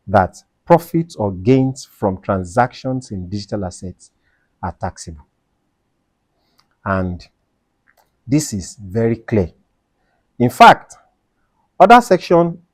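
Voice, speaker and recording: Emphatic, low-voiced man teaching. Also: darkish tone, dry recording. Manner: emphatic, repeats key points, asks and answers own questions. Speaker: tax educator. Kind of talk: explainer video lecture.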